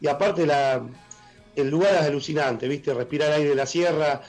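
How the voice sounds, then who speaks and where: A middle-aged Argentine man with a worn, husky voice, a blues musician talking enthusiastically on a casual radio interview over a video call. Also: fairly high pitch, darkish tone, faint music behind, poor audio. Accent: Argentine Spanish. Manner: enthusiastic, halting with fillers. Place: room at home, joining by video call.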